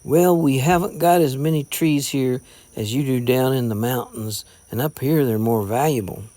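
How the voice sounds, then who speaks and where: A man voicing a well-mannered young gentleman boy who speaks in a polite, steady, measured way. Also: mid-range voice, no room sound, lightly acted.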